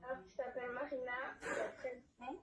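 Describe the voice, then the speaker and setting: A woman's voice: high voice, little pitch movement, fairly quick. A young woman answering a prank call, blunt and irritated, swearing. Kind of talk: phone call. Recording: speakerphone from far off with loud crowd noise.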